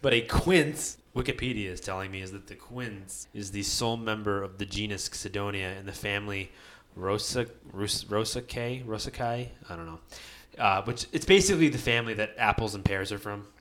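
A man's voice: fairly low pitch, fairly quick, hardly any pauses, a bit bright, slight background noise. A man hosting a casual podcast chat, rambling and hedging with lots of restarts.

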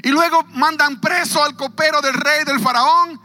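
Male pastor preaching, super high sharp voice, gets loud and fired up, dry close mic. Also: steady tone, normal speed, no echo, soft background music. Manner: impassioned, often shouting. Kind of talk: sermon.

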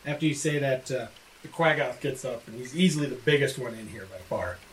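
A man's voice: medium pitch, fairly quick. A man improvising narration as game master of a tabletop fantasy game. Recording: roomy, distant mic with faint noise.

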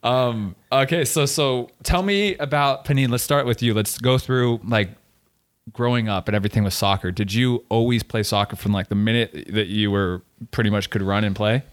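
A man hosting a casual podcast interview, chatty and relaxed, often restarting his sentences. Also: mid-range voice, moderate pace. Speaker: podcast host.

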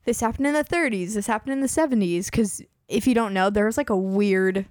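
A woman in her twenties hosts a podcast in casual chat, chatty and peppering her speech with "like." Her voice is a bit worn as she's losing it. She speaks briskly at medium pitch, a little mellow, in a dry, studio-quality recording.

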